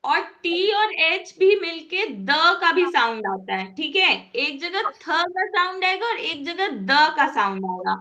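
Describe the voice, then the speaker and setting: A woman teaching an online English phonics class, patient and encouraging, repeating each sound slowly for her students. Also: extremely high pitch, very animated, sharp tone.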